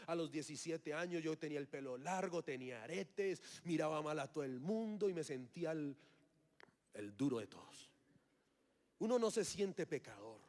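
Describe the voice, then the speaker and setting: A man, giving a sermon testimony and acting out his own past reactions as he tells the story. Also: a little high. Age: 30s. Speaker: preacher.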